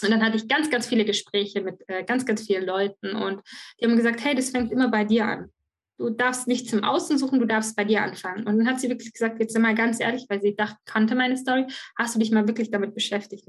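A woman's voice: fairly high pitch, steady tone, quick pace, creaky. A young woman telling her personal story frankly and with emotion as a podcast guest, often restarting her sentences. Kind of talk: personal interview conversation.

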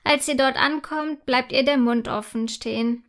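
A woman reading a children's story aloud as narrator in a gentle, clear read-aloud manner. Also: sits high, a little slow.

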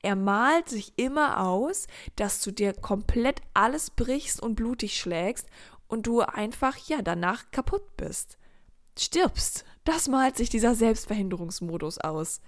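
A woman's voice: a little high, expressive, unhurried. A woman giving a motivational monologue in a casual, direct way, asking the listener questions and acting out inner voices. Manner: acts out inner voices and quotes; casual slang. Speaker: motivational speaker.

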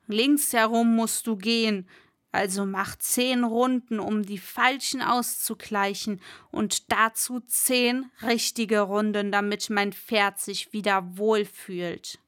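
Woman reading as a bullying castle lord, slow and scolding, storybook villain. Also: mid-range voice, fairly even intonation, fairly bright tone. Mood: domineering. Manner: domineering, scolding. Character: harsh cruel male castle lord.

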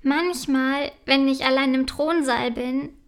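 A woman's voice: high-pitched, fairly even intonation, takes it slowly. A sweet little princess, read by a woman. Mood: gentle. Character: curious kind little princess girl.

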